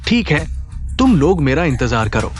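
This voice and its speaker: Arrogant young campus bully, scheming, very lively pitch, soft music. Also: male voice, moderate pace. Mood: coaxing. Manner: scheming, boastful. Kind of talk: dubbed short drama.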